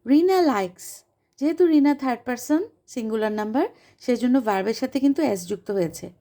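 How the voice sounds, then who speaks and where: A woman's voice: a little high, lively intonation, brisk, mellow. A woman with a Bangladeshi accent, an English teacher explaining a lesson and repeating each English line in Bengali.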